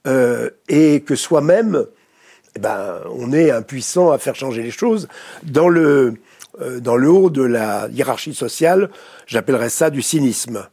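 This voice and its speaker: A French man with a French accent, a therapist speaking as a guest in an interview, reflective and pausing often to search for words. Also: medium pitch, lively intonation, mellow, breathy edge. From France. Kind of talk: studio interview.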